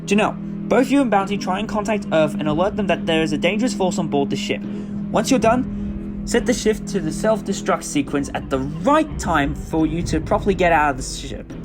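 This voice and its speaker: Man playing the Doctor, high-pitched commanding hero. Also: expressive, fairly quick. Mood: earnest, explaining. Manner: theatrical, commanding. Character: heroic, indignant time-travelling alien adventurer, male. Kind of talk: fan sci-fi audio drama. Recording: music behind the voice.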